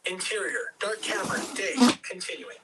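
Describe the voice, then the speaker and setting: The voice here is mid-range with a steady tone and normal speed. Captured on a distant home mic amid background noise, an amateur table-read participant dramatically reads out a screenplay's narration and scene directions.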